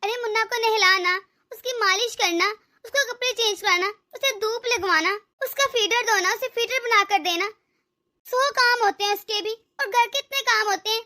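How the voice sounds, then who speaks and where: A woman's voice: very high voice, moderate pace, sharp tone. A woman voicing a tired, grumbling older mother-in-law in a cartoon, weary and self-pitying. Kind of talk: cartoon dub voice acting.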